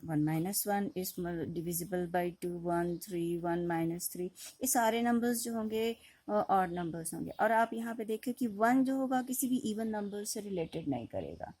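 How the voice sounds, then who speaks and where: A woman's voice: mid-range voice, vocal fry, mellow, no room sound, poor audio. A woman teaching a maths lecture, explaining step by step and asking questions she then answers herself. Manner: mixes in English terms, with fillers and restarts. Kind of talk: classroom lecture.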